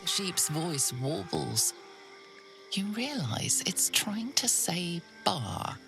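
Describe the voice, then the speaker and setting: A mysterious female narrator for a fantasy game. The voice is deep and creaky, unhurried and full of ominous drama, with music clearly playing behind it. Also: sing-song, heavily acted. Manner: ominous, measured, theatrical. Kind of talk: scripted second-person game narration.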